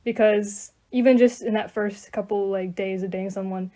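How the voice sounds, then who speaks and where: A woman's voice: medium pitch, steady tone, normal speed, warm tone. A teenage girl co-hosting a podcast, casually giving dating advice and finishing her partner's points. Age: teens. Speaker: podcast co-host.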